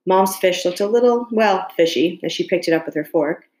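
Low-voiced woman narrating an audiobook. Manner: calm, measured first-person narration. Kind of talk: audiobook reading. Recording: echoey room.

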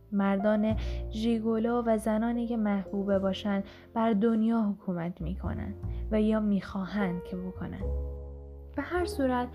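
A woman's voice: medium pitch, warm tone. Woman narrating an audiobook over music. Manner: measured storytelling. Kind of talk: audiobook reading. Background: background music.

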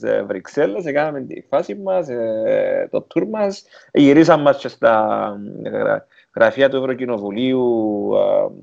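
A man's voice: medium pitch, creaky, darkish tone, dull audio. A man with a Greek Cypriot accent telling stories casually as an interview guest, dropping English words into his talk. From Cyprus. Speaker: interview guest, film and theatre director. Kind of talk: casual conversational storytelling.

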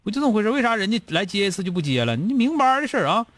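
Male radio advice host, Northeastern Chinese accent, scolding and blunt, lively pitch swings, close dry studio sound. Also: racing, no room sound. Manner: blunt, scolding, rhetorical questions. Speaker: radio call-in show host. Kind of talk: call-in advice talk.

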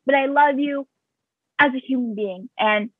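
A woman's voice: high-pitched, measured pace, slightly rough, dry recording. A woman co-hosting a podcast, talking earnestly in a rambling casual chat and cutting herself off mid-thought. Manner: earnest, rambling, self-interrupting. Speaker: podcast co-host. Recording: tinny phone-like sound, dry.

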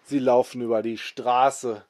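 A man's voice: medium pitch, steady tone, unhurried, a little mellow, dry recording, studio quality. A man improvising a bedtime story for a child, with hesitations and sound effects.

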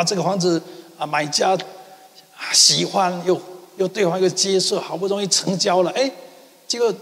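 A man's voice: on the high side, vocal fry, a bit bright, in a large hall. A man preaching as a pastor in a church, telling stories with acted-out dialogue and sound effects. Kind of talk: sermon. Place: church sanctuary.

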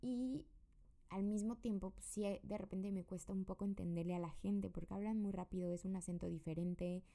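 A woman's voice: medium pitch, steady tone, moderate pace, gravelly, dark tone. A young woman with a Mexican accent, chatting through a rambling personal update for her podcast from her room. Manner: chatty and rambling, many fillers. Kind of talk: casual personal update monologue.

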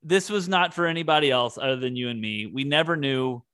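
A man's voice: mid-range voice, fairly quick, fairly bright tone, clean tone. A man co-hosting a podcast, talking in an earnest, reflective way as he thinks aloud. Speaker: podcast co-host. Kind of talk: casual heartfelt conversation.

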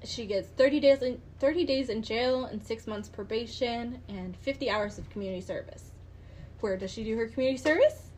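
A woman tells a true-crime case to a room of friends in a loose, chatty way. She drops sarcastic asides along the way, her voice sits a little high, and faint hiss lies under the recording. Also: fairly quick, a little mellow. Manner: laughing, sarcastic asides while recounting a case. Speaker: podcast host. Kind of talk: casual true-crime podcast storytelling.

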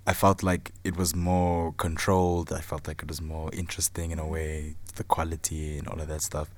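This podcast guest, a film student and photographer in his twenties with roots in Zimbabwe and South Africa, speaks about himself casually in an interview. His rumbling low voice stays level at normal speed, in a dry recording.

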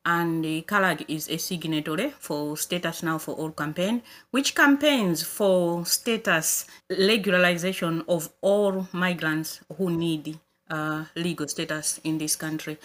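A woman from Malawi, a campaigner answering interview questions in a hesitant way, with frequent pauses and fillers. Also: deep voice, steady tone, a bit bright. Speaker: guest, migrants' rights campaigner.

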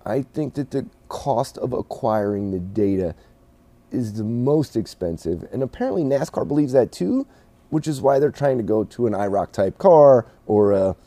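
A man, a racing shop owner talking casually in an interview, halting with many restarts. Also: medium pitch. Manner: halting, restarts often, animated storytelling with quoted voices.

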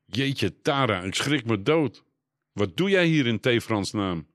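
A man voicing an eager, adventurous young boy in a storybook reading, talking in a quick, animated way close to his own voice. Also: mid-range voice, no room sound, lightly acted. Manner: quick, animated boyish delivery.

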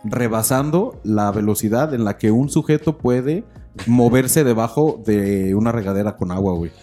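A man's voice: fairly low pitch, moderate pace, warm tone, soft background music. A man with a Mexican accent, telling crude stories in casual chat with friends. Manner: rambling, crude slang storytelling.

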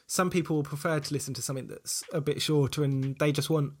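A man from the south coast of England speaks with a southern English accent in a fairly high voice. He hosts in a casual chatty style, thinking aloud and gently putting himself down. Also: steady tone, fast talker. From Portsmouth, south coast of England. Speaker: podcast host. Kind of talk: casual chat.

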